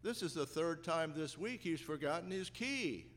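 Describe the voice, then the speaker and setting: A man's voice: a little high, lively intonation, normal speed, a bit bright, pitched above the performer's own voice. A man voicing an exasperated apartment dweller delivering a joke's punchline. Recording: reverberant hall.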